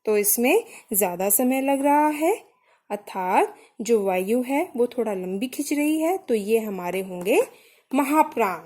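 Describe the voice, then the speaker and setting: A woman's voice: fairly high pitch, lively intonation, measured pace, a little mellow. Patient woman teaching letter sounds. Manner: patient, spells out sounds one by one. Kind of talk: Hindi grammar lesson.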